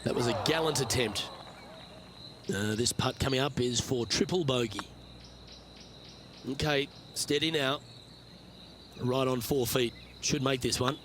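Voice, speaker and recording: A man playing a measured, courteous golf play-by-play announcer in a video game. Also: on the high side, fairly bright tone. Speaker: golf commentator.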